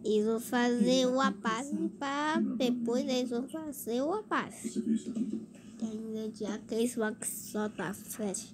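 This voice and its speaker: A high-voiced woman hosts her own channel and talks her way through a video in a chatty, excitable reaction, thinking out loud as she goes. Loud noise runs under her voice throughout. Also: unhurried. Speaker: channel host. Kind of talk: casual reaction commentary over a video.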